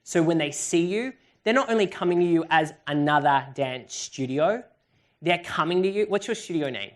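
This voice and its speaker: A woman's voice: lowish voice, expressive, normal speed. A woman presenting at a live seminar and answering audience questions in an upbeat, chatty way. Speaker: workshop presenter. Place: event hall with audience.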